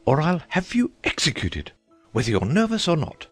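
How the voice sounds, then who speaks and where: Pompous storybook king, man putting it on, husky, pitch jumping all over. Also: huge pitch swings, normal speed, faint music behind, heavily acted. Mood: blustering. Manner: pompous, threatening.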